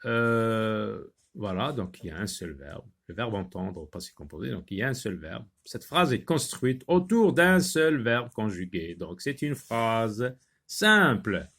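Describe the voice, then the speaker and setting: A man teaching a grammar lesson, patiently explaining exercises with many pauses and fillers. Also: sing-song, gravelly, a bit bright. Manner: slow, patient, with many fillers and restarts, raises pitch reading example sentences. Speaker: primary school teacher.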